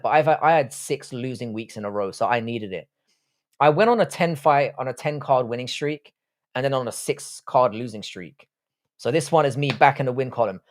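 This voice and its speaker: Blunt, joking man with a London accent. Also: mid-range voice. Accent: London English. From Ireland, raised in southwest London. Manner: blunt, profane, joking banter. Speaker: livestream host. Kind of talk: casual live stream chatter answering viewer comments.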